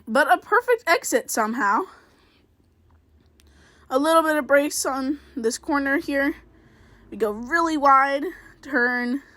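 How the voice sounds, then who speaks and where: High-voiced woman narrating her racing game. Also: a bit bright, dry recording. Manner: rambling play-by-play, self-critical, many fillers. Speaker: gaming video creator. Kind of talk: casual racing game commentary.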